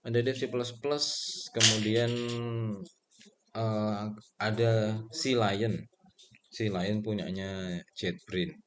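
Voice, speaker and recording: Relaxed low-voiced man lecturing. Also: slow pace, long pauses, noisy background. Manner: relaxed and conversational, with frequent fillers and self-corrections; asks questions and answers them himself. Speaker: programming lecturer. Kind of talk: casual spoken lecture.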